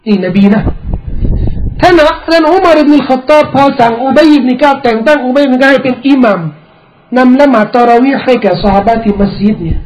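A man preaching an Islamic sermon, explaining in a relaxed, conversational way and weaving in recited Arabic quotations. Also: extremely high pitch, a little hiss or hum, rough recording. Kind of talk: religious sermon.

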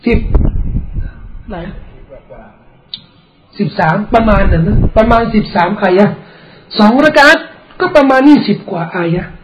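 A man preaching an Islamic sermon, explaining in a relaxed, conversational way and weaving in recited Arabic quotations. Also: very high voice, poor audio. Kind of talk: religious sermon.

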